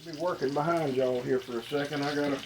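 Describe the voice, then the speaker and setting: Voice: medium pitch, steady tone, fast. A plainspoken, folksy home cook with an Arkansas Southern accent, chatting casually while cooking in a home kitchen. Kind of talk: casual cooking vlog chat. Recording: clear frying sizzle and kitchen noise. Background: frying food sizzle, stirring.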